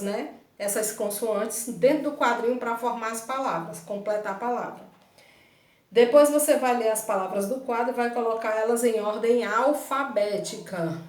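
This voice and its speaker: A woman's voice: on the high side, a little mellow. A Brazilian woman teaching primary school Portuguese online, giving patient step-by-step instructions with a Brazilian Portuguese accent. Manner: patient, repeats steps with "tá certo?". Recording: echoey room, mic far off.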